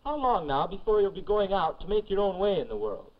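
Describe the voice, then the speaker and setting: A man's voice: sits high, very animated, a little fast. An actor playing a teenage boy's grown-up future self, patiently explaining good manners in 1950s educational film narration. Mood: earnest, coaxing. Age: young adult. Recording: dull lo-fi 1950s film soundtrack.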